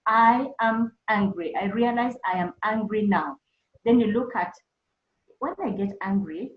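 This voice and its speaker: A woman counselor gives earnest advice to teachers, repeating key points for emphasis. Her voice sits in an echoey room. The sound is muffled, as on an online call. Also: mid-range voice. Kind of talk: webinar talk to teachers.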